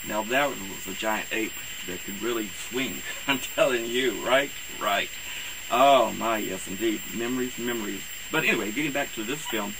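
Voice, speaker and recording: A man speaking as a campy horror host, introducing things in a rambling, halting, theatrical way. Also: lowish voice. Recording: clear hiss and background noise.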